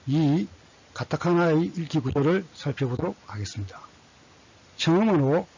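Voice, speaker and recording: Slow husky guy reading out syllables one at a time, kinda dull recording. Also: a little high, a little mellow. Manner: drills syllables one by one, repeats set phrases. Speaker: language teacher. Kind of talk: slow scripted lesson, reading kana aloud.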